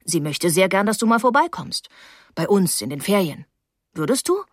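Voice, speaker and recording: A woman's voice: medium pitch, big pitch swings, moderate pace, no echo, clean studio sound. A woman reading the lines of a tall, cocky teenage boy in a teasing, offhand tone.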